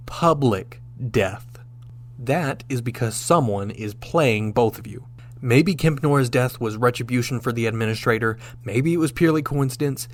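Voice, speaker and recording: A man with a natural, medium-pitched voice plays a confident, shrewd starship captain in a sci-fi radio drama. He speaks deliberately and commandingly, using rhetorical pauses.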